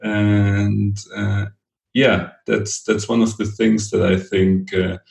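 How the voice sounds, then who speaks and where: A Brazilian-born man raised in Portugal and Germany, talking as a podcast guest, halting and full of restarts. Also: lowish voice, flat delivery, gravelly, a little mellow, echoey room, low-quality recording. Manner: halting, many restarts and fillers, laughs lightly. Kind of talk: conversational interview answers.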